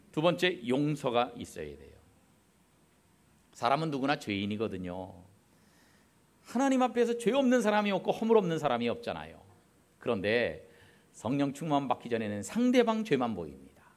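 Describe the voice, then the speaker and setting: A middle-aged man preaching a Sunday sermon as pastor in a church, acting out little family quarrels as he goes. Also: a little high. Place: church sanctuary.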